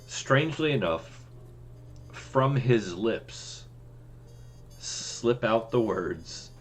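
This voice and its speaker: A man running a tabletop game as game master, narrating scenes in a slow, dramatic way. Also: mid-range voice, lively intonation, a little hiss or hum.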